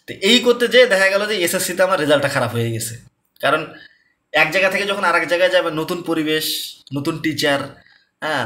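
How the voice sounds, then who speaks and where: A man with a bright, forceful voice that sits a little high for a man. He talks casually, going over his points again and again and checking in with the listener as he goes. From Bangladesh. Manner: conversational, repeats points, tag questions. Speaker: lecturer. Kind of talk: casual personal talk.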